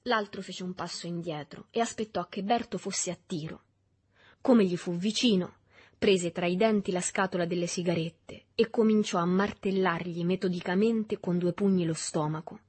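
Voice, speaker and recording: A woman reading a literary novel aloud in a measured, even storytelling manner. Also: lowish voice, slightly rough. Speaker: audiobook reader. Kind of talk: literary audiobook narration.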